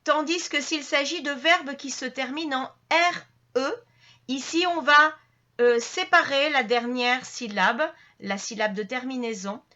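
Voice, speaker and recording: Bright-voiced woman teaching grammar. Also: high voice, measured pace, dull audio. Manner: patient, explains step by step with many fillers and restarts. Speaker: French teacher. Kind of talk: grammar lesson to camera.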